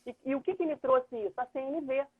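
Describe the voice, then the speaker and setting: Husky woman on a tinny line. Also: sits high, brisk. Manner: earnest, thinks aloud, acts out dialogue. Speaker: lawyer and mediator, guest. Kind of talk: explanatory live chat. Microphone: phone or computer on a video call. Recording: tinny phone-like livestream audio.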